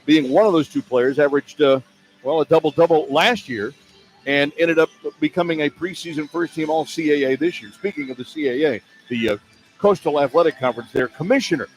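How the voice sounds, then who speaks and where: An American radio announcer calls live play-by-play in an indoor sports arena, speaking briskly with a fairly high pitch. The broadcast is noisy, with arena ambience all around.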